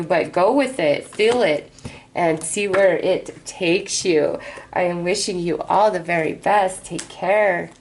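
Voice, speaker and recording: Lady doing a mystical horoscope reading, lowish voice, chatty and reassuring, some hiss and clicks behind her. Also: poor audio. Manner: chatty, reassuring, addresses listener directly. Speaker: astrology tarot reader, host.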